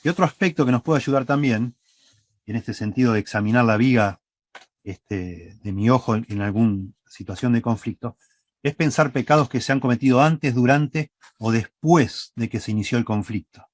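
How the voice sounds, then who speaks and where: In a church setting, a medium-pitched man with an Argentine accent preaches at a moderate pace, breaking his teaching into steps and frequently asking "¿sí?" to check on the congregation. The audio is dry and clean, like a studio recording.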